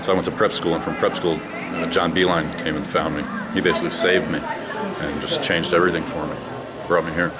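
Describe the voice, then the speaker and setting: Over loud background music, a man in his thirties who grew up in China answers interview questions with stories from his days as a basketball player. He has a deep voice, fairly even intonation, and talks a little fast.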